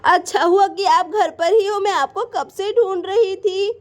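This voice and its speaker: A woman voicing a frightened young neighbour who pleads in a hurried, breathless way. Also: extremely high pitch, fairly even intonation. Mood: panicky. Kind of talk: storybook voice acting.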